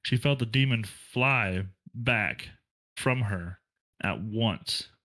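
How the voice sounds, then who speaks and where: A man reading a novel aloud for a book club, in a plain, steady delivery with occasional slips and restarts. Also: lowish voice, slow pace, poor audio.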